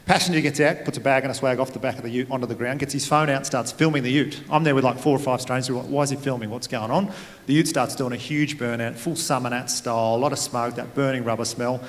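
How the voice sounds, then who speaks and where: A man's voice: mid-range voice, steady tone, fast talker, hardly any pauses. A young Australian man performing a stand-up comedy set, telling a story in a laid-back way with crude asides, on stage at a comedy venue. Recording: live room with long reverb, faint ambience.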